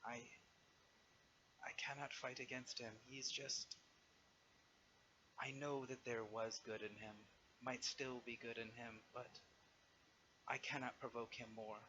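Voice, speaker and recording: Man as timid female dragon, hushed mumble, defeated, tabletop role-play, faint noise. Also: medium pitch, level tone, slow, pauses often, muffled recording. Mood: defeated pleading.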